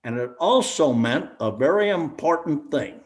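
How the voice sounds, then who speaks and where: An elderly American man, a war veteran in his eighties or older, reminiscing and explaining in a deliberate, halting way with long pauses. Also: on the high side, expressive. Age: 80s or older. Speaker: war veteran being interviewed.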